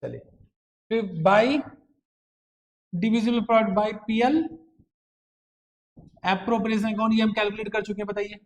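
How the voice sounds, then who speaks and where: High-pitched but level in tone, this male lecturer from India speaks slowly with long pauses. His accounts class hears him coax them with constant questions while he blends terms into what he says.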